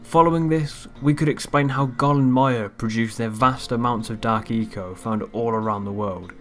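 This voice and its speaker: A man's voice: medium pitch, moderate pace, fairly bright tone, soft background music. A man hosting his own video channel, walking through a game theory recap in an offhand, rambling way that trails off. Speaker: YouTube channel host. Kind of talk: casual narrated video outro.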